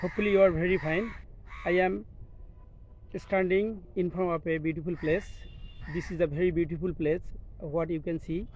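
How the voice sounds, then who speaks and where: A Bangladeshi-accented man, a native Bengali speaker, speaks in a high voice with fairly even intonation and a darkish tone. As an English teacher and video host, he gives an instructional vlog to camera from an open scenic place outdoors in halting, simple English with short broken phrases, and the dull audio carries outdoor noise and faint birds calling.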